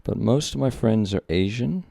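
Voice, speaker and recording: A man's voice: fairly low pitch, animated, moderate pace, creaky, warm tone, no room sound, clean studio sound. A man in his sixties from Singapore, a company founder chatting as a podcast guest, joking and rambling with many restarts. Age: 60s. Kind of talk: casual interview chat.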